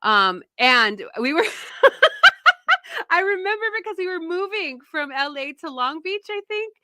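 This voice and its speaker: A woman in her thirties hosting a podcast, animated and laughing as she tells stories. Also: very high voice, slow pace, dry recording, studio quality. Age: 30s. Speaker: podcast host and founder. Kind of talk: casual podcast chat.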